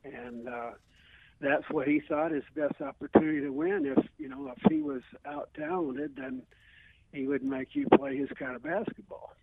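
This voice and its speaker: With an extremely high, sing-song voice and vocal fry, an older American retired teacher rambles through memories as a radio phone-in guest at a moderate pace, saying "you know" a lot. The tinny narrowband phone audio has no echo.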